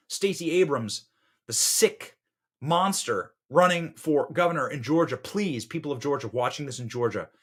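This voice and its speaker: A man in his thirties hosting a political podcast, giving fiery commentary that swings between loud outbursts and hushed asides. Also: fairly high pitch. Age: 30s.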